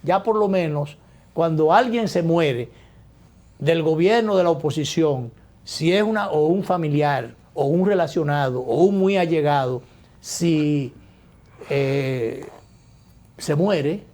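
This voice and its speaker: Mellow man musing aloud. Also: a little high. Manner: measured, reflective, with many hesitations and restarts. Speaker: talk show host. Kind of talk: political commentary chat.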